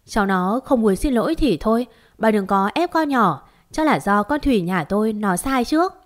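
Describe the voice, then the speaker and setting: Woman voicing a soft-spoken middle-aged mother. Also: mid-range voice, animated, normal speed, close to an everyday voice. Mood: soothing. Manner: soft, soothing. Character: gentle, smooth-talking middle-aged mother.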